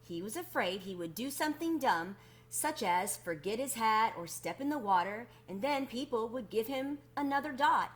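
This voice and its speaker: Here a woman with a fairly high voice reads a picture book to children. She takes her time, performing expressively and lingering on emphasized words.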